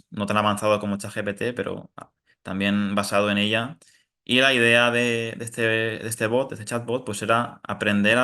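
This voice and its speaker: Presenting a laid-back technical webinar, this Spaniard from south of Madrid leans on everyday comparisons and keeps asking "¿no?". He speaks in a fairly low voice that sounds pushed and bright.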